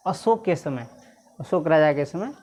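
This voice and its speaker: A woman teacher, reading Sanskrit slowly syllable by syllable and quizzing the class again and again. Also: deep voice, animated, warm tone, a little hiss or hum. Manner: repeatedly quizzes listeners, slow syllable-by-syllable reading.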